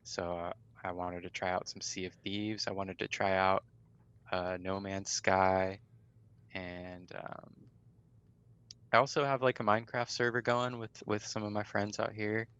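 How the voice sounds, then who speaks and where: A man's voice: sits low, fairly even intonation, a little slow, a bit bright, clear, resonant tone, highs cut off. A man in his twenties from California, a podcast guest who talks in a chill, easygoing, laid-back way. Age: 20s. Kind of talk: casual podcast chat.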